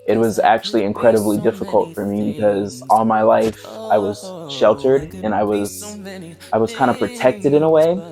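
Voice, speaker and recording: Young man, reflective interview narration, lowish voice, soft music bed. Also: fairly even intonation, normal speed, vocal fry. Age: young adult. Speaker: musician narrating his documentary.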